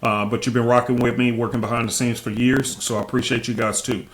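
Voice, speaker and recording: A man's voice: medium pitch, little pitch movement, fast talker, poor audio. A man casually hosting trading chart commentary in informal, slangy speech, his cheek swollen after having teeth pulled. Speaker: trading video host.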